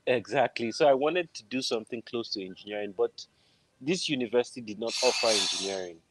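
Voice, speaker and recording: Heavy background noise accompanies a middle-aged film composer with a Nigerian accent as he conversationally tells a personal story on a video call from an indoor room at home, where he's an interview guest. His voice is mid-range and brisk.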